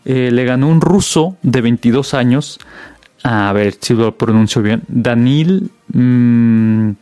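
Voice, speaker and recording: A man's voice: medium pitch, slow, warm tone, no room sound, faint music behind. Man, Mexican accent, casual host, rambling fillers, dry close sound. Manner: chatty, many fillers and restarts. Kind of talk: casual news roundup chat.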